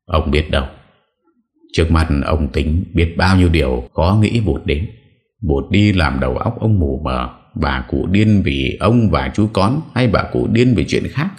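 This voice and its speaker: A man narrating a horror audiobook in a steady, dramatic way. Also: a bass voice, a little slow. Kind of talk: scripted horror story narration.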